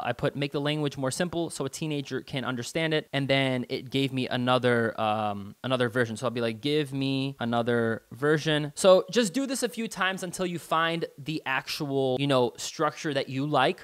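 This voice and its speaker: A man's voice: mid-range voice, fairly quick, few pauses, a bit bright. A man giving a casual, step-by-step tutorial over a screen recording. He talks in a laid-back, slangy way and swears offhandedly. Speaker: online marketing tutor.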